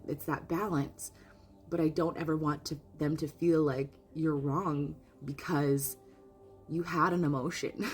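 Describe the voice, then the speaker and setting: A woman giving a casual spoken oracle card reading, earnest and openly emotional, often restarting her sentences. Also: deep voice. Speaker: spiritual card reader.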